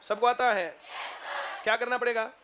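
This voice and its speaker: A man's voice: very high voice, steady tone, moderate pace. A male math teacher lecturing a classroom, constantly asking students if they understood. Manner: drills students with repeated checking questions. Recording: noisy classroom with crowd murmur.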